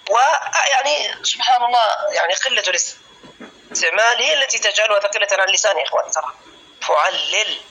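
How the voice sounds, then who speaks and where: Husky-voiced man teaching Arabic patterns. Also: high voice, expressive, sharp tone, rough recording. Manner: slow, syllable-by-syllable drilling of word patterns; addresses students by name, asks if clear. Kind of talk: classical Arabic lesson.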